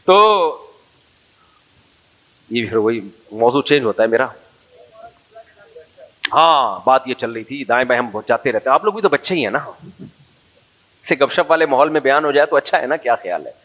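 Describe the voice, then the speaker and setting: A man's voice: mid-range voice, expressive, pauses often, fairly bright tone. A man from Pakistan, giving a casual sermon full of jokes, stories and asides to the audience. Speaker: Islamic preacher.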